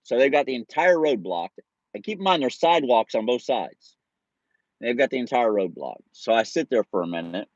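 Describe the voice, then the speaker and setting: A man in his forties tells a story to his viewers in a relaxed, joking way, with mild swearing and laughter. His voice sits at an ordinary middle pitch. The audio is dull and lo-fi, and it sounds dry and close. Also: normal speed, no echo. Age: 40s. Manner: laid-back, swears freely, laughs through his story. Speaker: streamer.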